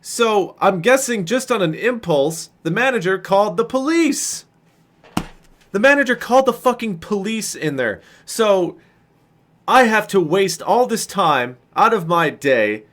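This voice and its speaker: A man ranting through a story in a vlog, sarcastic and exasperated, with heavy swearing. His voice sits notably high for a man. He leans on snark to carry the tale. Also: a bit bright. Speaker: vlogger.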